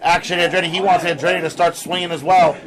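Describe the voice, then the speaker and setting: A man's voice: high voice, fairly even intonation, fast, rough recording. A man working as a lucha libre announcer, giving live play-by-play and calling wrestling moves in short bursts. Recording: crowd noise behind commentary. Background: live crowd.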